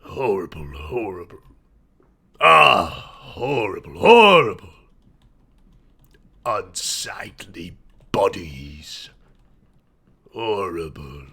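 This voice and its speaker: An actor playing a disturbed man who mutters slowly in horror in a video game. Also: lowish voice, big pitch swings, gravelly, pushed and bright, breathy edge, exaggerated voice. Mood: disgusted. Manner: slow, shuddering muttering.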